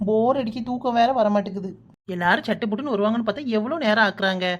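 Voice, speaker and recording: A woman's voice: on the high side, quick pace, lo-fi sound, lightly acted. Woman voicing a chatty young village bride. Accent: Kanyakumari Tamil. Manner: teasing, whiny, chatty.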